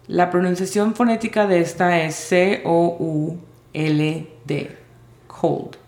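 A woman teaching English vocabulary in Spanish, spelling out each word's sounds slowly and carefully. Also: on the low side, fairly even intonation, a little mellow, echoey room. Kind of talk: vocabulary lesson.

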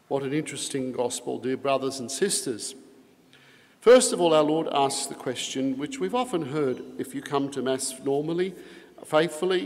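A priest reads the gospel and preaches in a slightly high voice, leaning hard on key phrases. His words ring out with a cathedral echo, trailing off into the long reverb of a large stone church. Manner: earnest preaching with strong emphasis on key phrases. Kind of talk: Mass gospel reading and homily.

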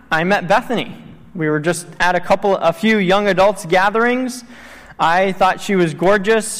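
Speaking in a church sanctuary, a thirtysomething man who grew up in Tanzania gives an earnest missions talk peppered with ums and uhs. His voice is fairly high-pitched and fairly bright, echoing with the hall's long reverb.

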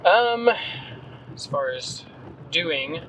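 A man's voice: on the high side, animated, extremely slow, fairly bright tone, slight background noise, low-quality recording. A man in his thirties from North Carolina, a podcast guest talking casually with many ums and restarts. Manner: hesitant, rambling, frequent ums and restarts. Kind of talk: casual conversational interview.

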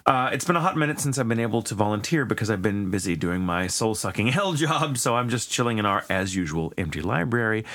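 A man's voice: lowish voice, quick pace, hardly any pauses. A man co-hosting a podcast, chatting casually and reading listener letters aloud, joking and swearing. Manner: swears freely, animated and joking. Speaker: podcast co-host.

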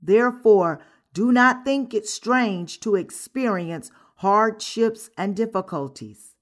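Slow, measured woman reading a sermon. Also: mid-range voice. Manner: measured, earnest delivery. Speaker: sermon reader.

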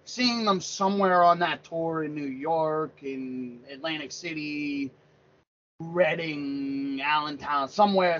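Man, thirties, from Pennsylvania, casual rambling sports talk, a bit high-voiced, muffled podcast sound. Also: fairly bright tone. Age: 30s. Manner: rambling, repeats words and restarts often. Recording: lo-fi dull sound.

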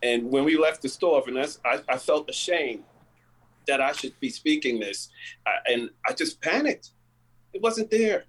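A man's voice: medium pitch, expressive, moderate pace, breathy edge, poor audio. A man in a casual chat, telling a candid, self-deprecating story.

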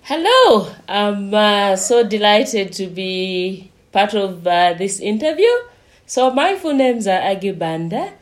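Woman from zambia chatting slowly on a call interview, pausing a lot. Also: medium pitch, lively intonation. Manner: slow, unhurried, with frequent pauses. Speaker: lodge manager, guest. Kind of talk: remote interview chat.

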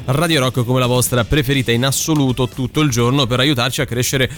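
A man's voice: mid-range voice, fairly even intonation, brisk, soft background music. A man presenting and bantering as a radio host.

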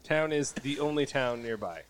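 A man's voice: medium pitch, lively intonation, normal speed, very noisy. A man narrating a tabletop game as game master, playful and often laughing.

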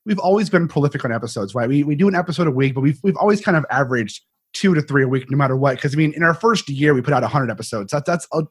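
A man co-hosting a casual podcast, talking in excited bursts with repeated words and phrases. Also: fairly high pitch, rapid-fire, slightly rough. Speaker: podcast co-host.

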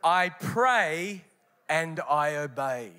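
A man's voice: on the high side, expressive, very slow, pushed and bright, clear, resonant tone. A man preaching a sermon as pastor, emphatic and repeating phrases for rhythm.

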